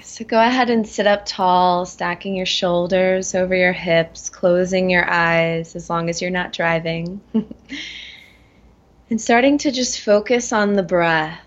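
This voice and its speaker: A woman leading a guided meditation in a gentle, soothing manner, slowly and with long pauses. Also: lowish voice, steady tone, dull audio. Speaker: guest guiding a meditation.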